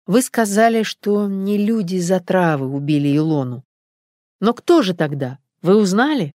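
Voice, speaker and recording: A woman's voice: mid-range voice, animated, moderate pace, darkish tone, dry recording, studio quality, natural voice. A woman reading a wary, pensive husband who presses for answers. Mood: urgent.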